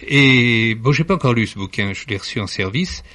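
A man's voice: medium pitch, expressive, fairly quick, bright, forceful tone. Hesitant, formal man critic. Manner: formal, hesitant, many fillers and restarts. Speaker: literary critic guest. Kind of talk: radio studio discussion. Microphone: studio microphone.

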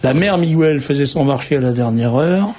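A man's voice: medium pitch, normal speed, dark tone. A man hosting a radio talk show, making teasing, opinionated remarks. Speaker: radio host. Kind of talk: radio conversation. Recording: dull radio sound.

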